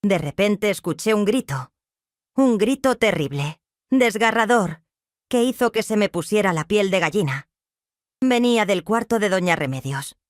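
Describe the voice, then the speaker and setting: A woman narrating a first-person dramatic story in a hushed, suspenseful, emotional way. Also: medium pitch, lively intonation, moderate pace, no echo, clean studio sound.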